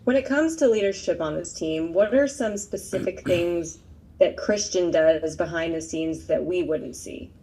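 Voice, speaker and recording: A woman reporter asking a question at a press conference, polite and deliberate. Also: lowish voice, dark tone, slight background noise, low-quality recording.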